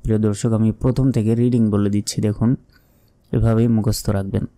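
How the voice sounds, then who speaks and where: A man with a Bangladeshi Bengali accent teaching Quran pronunciation. He explains each sound briskly and then chants the words slowly, holding the vowels long. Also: on the low side, little pitch movement, warm tone.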